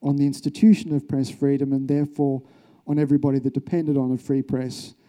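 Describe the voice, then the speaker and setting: Dark-voiced Australian man, earnest. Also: mid-range voice, flat delivery, a little fast. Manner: earnest, reflective, rhetorical questions. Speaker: journalist, speaker. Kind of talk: recounted personal story, public talk.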